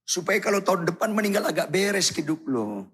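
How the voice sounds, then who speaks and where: Blunt slangy pastor guy, kinda high and husky, shouts then goes low. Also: big pitch swings, brisk. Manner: blunt, provocative, shouts and drops low for effect. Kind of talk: sermon.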